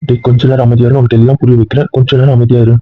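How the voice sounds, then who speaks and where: A man's voice: mid-range voice, little pitch movement, racing, no room sound. An anxious pleading young man on a phone call. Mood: begging. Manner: pleading, repeats please. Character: anxious young man begging to see her. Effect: heard over a video call. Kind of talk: web serial acting. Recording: tinny phone-like lo-fi sound.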